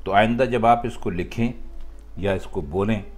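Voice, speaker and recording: A man's voice: lowish voice, moderate pace, darkish tone. A man teaching the correct pronunciation of words in a formal, careful way, repeating words for emphasis. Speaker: Urdu language teacher. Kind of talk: spoken lesson on pronunciation.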